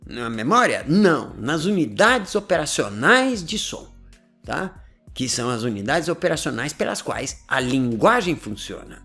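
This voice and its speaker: A man gives a relaxed explanatory talk, his voice gravelly with fry. His pitch swings widely as he talks, and soft music plays faintly underneath. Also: a little slow. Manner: chatty, laughs often, keeps checking in with "né?" and "tá?". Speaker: host explaining language learning.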